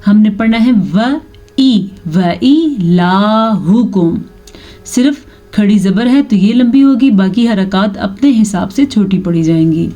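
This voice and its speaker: A woman teaching tajweed, alternating slow drawn-out chanted recitation with brisk spoken explanation. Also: medium pitch, lively intonation, warm tone, faint music behind.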